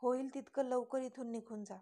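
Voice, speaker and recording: Lady reading a flustered irritated young woman, stammery, highish voice. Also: fairly even intonation, normal speed, mellow, close to an everyday voice.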